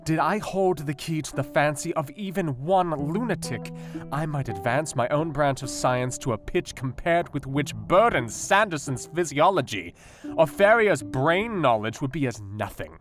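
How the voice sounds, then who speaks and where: An actor playing a brooding, intellectual Victorian asylum doctor, speaking a measured, formal diary monologue in a radio play. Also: male voice, on the high side, lively intonation, lightly acted. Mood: feverishly ambitious. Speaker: actor in an audio drama. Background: guitar music.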